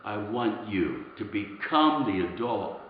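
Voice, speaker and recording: A man playing Santa Claus, telling a story in a soft-spoken, earnest way with halting repetitions. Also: on the low side, lively intonation, a little hiss or hum. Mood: tender. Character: kindly old Santa Claus, gentle and earnest. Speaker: Santa performer. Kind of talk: heartfelt storytelling address. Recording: echoey room, dull lo-fi sound.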